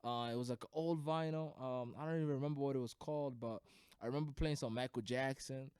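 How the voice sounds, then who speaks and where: A man's voice: mid-range voice, steady tone, a little fast, darkish tone, smooth, dry recording, studio quality. A young man from Burundi, a guest DJ, talking in a laid-back, slangy way with plenty of "man" and "you know.". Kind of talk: casual podcast interview.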